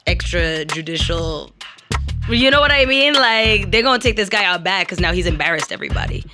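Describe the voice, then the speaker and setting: This woman, an actor and radio professional, speaks in a lowish, expressive voice at a brisk clip. In a candid discussion she explains things emphatically and conversationally, with music playing beneath her speech.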